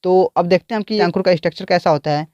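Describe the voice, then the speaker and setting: A man's voice: high-pitched, fast talker, a little mellow, smooth, no room sound, muffled recording. A man teaching biology, explaining a diagram and repeatedly asking the class questions.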